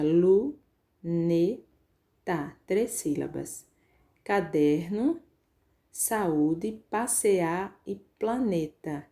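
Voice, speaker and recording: Patiently spelling out syllables, a woman primary school teacher leads an online grammar lesson for young pupils. She has a Brazilian Portuguese accent and a mid-range, dark voice.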